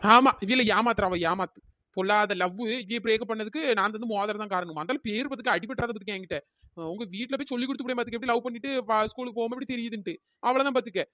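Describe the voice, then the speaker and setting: Woman voicing cartoon auntie, scolding, dismissive, high-pitched, quick. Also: sharp tone, dry recording, clean studio sound. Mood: mocking. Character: scolding older village woman who sold the ring.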